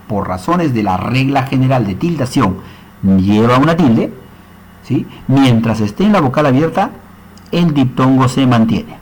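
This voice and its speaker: A man's voice: mid-range voice, a little hiss or hum, rough recording. A man teaching a recorded grammar lesson, explaining step by step and often checking in with short tag questions.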